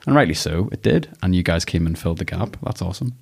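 A man's voice: sits low, expressive, fast talker, gravelly, husky. A man with a Northern Irish accent hosting a casual interview, chatty and jokey, often laughing. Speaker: podcast host.

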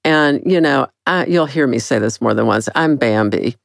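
Very low gravelly older woman storyteller. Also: moderate pace, no room sound, clean studio sound. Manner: animated, self-mocking, big swings in pitch. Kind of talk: personal storytelling monologue.

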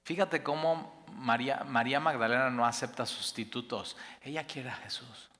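A man preaching a sermon, expressive, building to emphatic peaks and then dropping soft. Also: mid-range voice, normal speed, big-room sound. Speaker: pastor.

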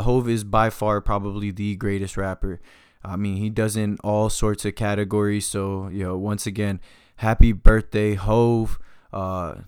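Chill guy hosting a podcast, super smooth clean voice, dead dry sound, loose and rambly. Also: mid-range voice, no room sound. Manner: laid-back, loose, with many fillers like "uh" and "yo". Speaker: podcast host. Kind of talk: casual outro monologue.

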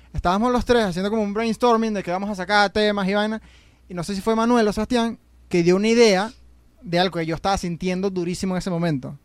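A Venezuelan man hosting a casual podcast, with a notably high voice. He talks loosely and uses lots of slang, often restarting his sentences. The sound is dry and close. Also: dry recording. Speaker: podcast host.

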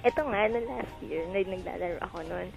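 A woman from the Philippines who has called in to a radio show and speaks over the phone line. She answers in a hesitant, hushed way because she is at work. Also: fairly low pitch, a little fast, vocal fry. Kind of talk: casual call-in chat. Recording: music playing underneath.

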